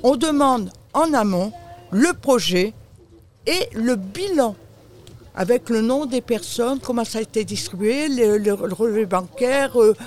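Speaking a little slowly, this woman has a slightly high, expressive voice with a darkish tone. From France, she represents an aid charity and, as an interview guest, explains things spontaneously and forcefully, often addressing the listener directly.

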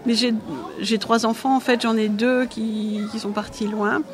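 A woman's voice: a little high, flat delivery, unhurried. An older woman, a guest on a radio show, chatting freely and laughing lightly. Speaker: association member guest. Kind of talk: casual radio chat.

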